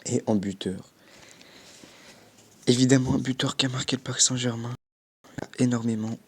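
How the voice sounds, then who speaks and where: Husky-voiced young man commenting a game. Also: mid-range voice, steady tone, moderate pace. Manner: chatty, swears offhandedly, punctuates with sound effects. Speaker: gaming YouTuber.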